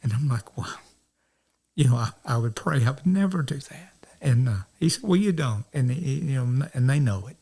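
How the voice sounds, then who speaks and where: A man's voice: medium pitch, expressive, normal speed, dark tone, breathy edge. A middle-aged man from North Georgia, a minister telling stories in a rambling way, often restarting and acting out the dialogue. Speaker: minister, interview guest. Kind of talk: casual storytelling.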